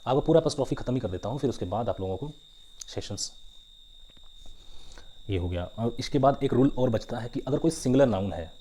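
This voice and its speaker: A man's voice: mid-range voice, warm tone. A male grammar teacher giving an online exam-prep lesson in a mix of Hindi and English, often stopping to ask his students whether they understood. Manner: explains in Hindi mixed with English, keeps asking "understood?". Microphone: writing with a pen tablet while teaching.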